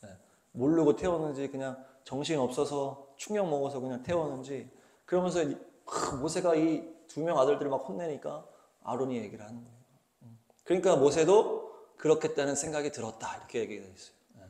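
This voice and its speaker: A man's voice: fairly high pitch, a little fast, mellow. A male pastor giving a conversational sermon, reading scripture and explaining it with rhetorical questions. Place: small church hall. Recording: roomy echoing room.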